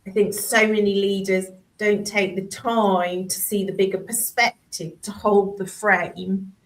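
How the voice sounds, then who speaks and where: A woman's voice: medium pitch, flat delivery, measured pace, low-quality recording. A woman hosting a reflective conversation over a video call, thinking aloud and searching for her words. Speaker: host.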